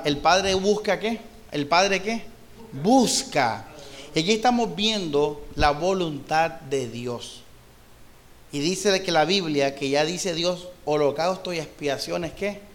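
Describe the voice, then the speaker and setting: A Colombian man preaching an expository sermon, reading scripture aloud and then explaining it, often posing a question and pausing for the answer. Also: on the high side. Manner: poses rhetorical questions and pauses for the answer. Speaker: pastor.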